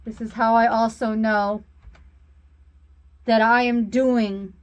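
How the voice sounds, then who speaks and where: Slow, earnest woman reading oracle cards. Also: fairly high pitch, little pitch movement. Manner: slow, earnest, reassuring delivery. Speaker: spiritual reader and healer.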